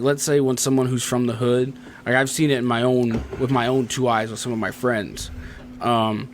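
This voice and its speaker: Southern country-accent guy, young co-host, rambling casual podcast talk, faint hiss. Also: mid-range voice. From Tennessee. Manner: rambling, frequent "you know what I mean". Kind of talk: casual chat.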